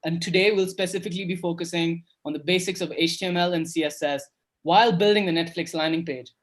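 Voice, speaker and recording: Talking fast in a slightly high, steady voice, a young man who grew up in Kenya hosts a video-call coding workshop. His casual online workshop talk is upbeat and chatty, heavy on fillers, with "awesome" coming up repeatedly.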